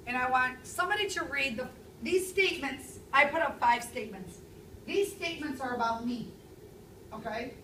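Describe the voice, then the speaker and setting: A woman in her thirties teaching a classroom language lesson, speaking clearly and stressing key words. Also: sits high, background noise. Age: 30s. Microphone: far camera. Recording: echoey classroom from far off.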